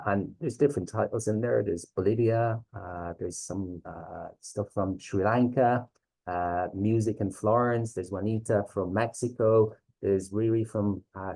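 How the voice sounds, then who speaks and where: A man with a low, very mellow voice and a west of Ireland accent. He presents informally like a teacher, hesitating as he goes and often checking that listeners follow. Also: poor audio. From Galway, west of Ireland. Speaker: teacher presenting a reading series.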